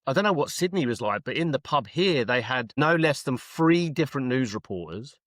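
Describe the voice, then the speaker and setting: A man hosting a fan podcast, talking in long rambling runs full of restarts. His voice sits at a middle pitch and is recorded dry and close. He shares firm opinions in casual chat. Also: lively intonation, fairly quick, no room sound. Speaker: podcast host. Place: pub-going fan in Australia.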